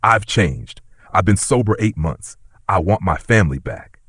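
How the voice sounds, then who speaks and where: A man's voice: low voice, animated, unhurried, fairly bright tone, breathy edge, no room sound, clean studio sound, exaggerated voice. A man reading the lines of a desperate, drunken estranged father in a story narration. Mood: pleading. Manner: pleading, slurring.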